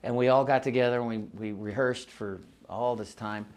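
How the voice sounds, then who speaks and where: A man's voice: mid-range voice, fairly even intonation, fairly quick, a little mellow. A man in his sixties who grew up between the US and Mexico, telling stories from the past in a rambling, casual way with frequent laughs and restarts. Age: 60s. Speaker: musician interviewee. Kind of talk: casual oral-history storytelling.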